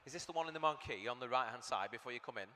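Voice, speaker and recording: A man's voice: medium pitch, expressive, rapid-fire, sharp tone. A man working as an auctioneer at a live sale, rattling off prices and bids with chatty asides to the bidders. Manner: chatty asides to bidders between bid calls. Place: large auction hall. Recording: hall reverb from PA.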